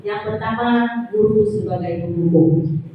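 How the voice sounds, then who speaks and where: A woman's voice: on the low side, a little slow, phone-quality sound. A woman teacher giving a workshop presentation to colleagues, explaining step by step and often adding a questioning "ya". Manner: explanatory, frequent tag "ya", acts out teacher phrases. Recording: roomy hall, far from mic, faint noise.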